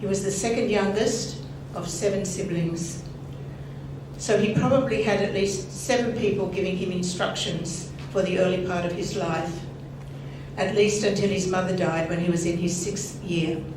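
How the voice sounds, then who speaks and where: Lower-voiced older woman, heavily echoing eulogy. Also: fairly even intonation, normal speed. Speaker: eulogist at a family memorial. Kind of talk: scripted biographical eulogy. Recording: very echoey hall, distant mic, noisy.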